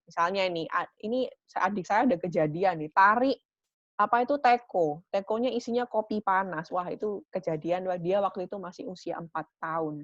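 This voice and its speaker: A woman with a lowish voice gives a parenting talk. She explains patiently and keeps checking in with her listeners. The recording is dry and a little dull. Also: dry recording. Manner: warm teaching tone with frequent "gitu ya" tags. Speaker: parenting speaker.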